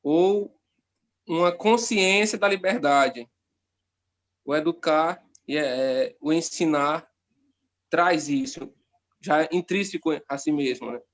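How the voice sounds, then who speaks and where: Slow, reflective male moderator. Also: on the high side, a bit bright. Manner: reflective, asks questions to the group. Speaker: host and moderator. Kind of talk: casual panel discussion.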